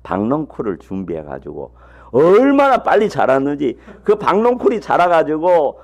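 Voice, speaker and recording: Male preacher, high voice, wildly swooping pitch, lively storytelling, rhetorical questions. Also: moderate pace. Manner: animated storytelling with constant rhetorical questions to the congregation; folksy, humorous asides. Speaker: missionary preacher. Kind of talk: sermon.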